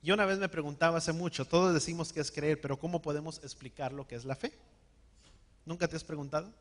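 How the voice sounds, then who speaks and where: A man preaching a sermon, calling on the congregation to repeat words after him and slowing down to stress key words. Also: a little high, fairly even intonation. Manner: call-and-response, has the congregation repeat words. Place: church hall.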